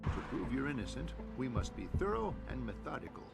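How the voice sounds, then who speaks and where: An anime dub investigator with a creaky, gravel-edged voice. He is earnest and methodical, coaxing and reassuring with lively inflection. Clear soundtrack music runs underneath. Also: medium pitch, fairly quick. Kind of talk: English anime dub acting.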